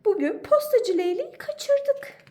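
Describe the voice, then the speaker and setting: An excited little rabbit from a storybook, voiced by a woman. Very high and lively, with big swoops of pitch. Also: measured pace. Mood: dismayed.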